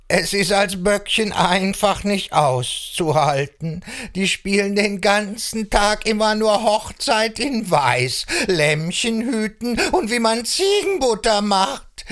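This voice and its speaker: A man's voice: high voice, a bit bright, pitched above the performer's own voice, full character voice. A man voicing a young billy goat who complains, exasperated, about his noisy sisters.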